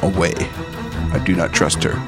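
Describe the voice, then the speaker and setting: A man's voice: moderate pace, over loud music, lightly acted. A man putting on a Russian accent to voice a distrustful male mutant prisoner in a tabletop game.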